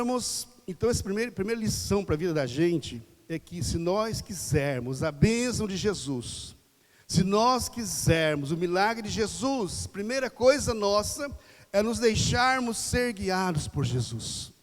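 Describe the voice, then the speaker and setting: A man's voice: high voice, big pitch swings, measured pace. A man preaching a sermon in Brazilian Portuguese, conversational, firing off rhetorical questions and acting out voices. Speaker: pastor. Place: church hall. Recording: reverberant church hall.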